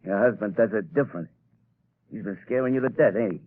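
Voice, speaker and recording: Here a man with a lowish voice speaks at a quick pace, acting only lightly. He's voicing a sneering, menacing gangster in a 1930s radio drama, using tough-guy slang, and the old broadcast recording sounds tinny.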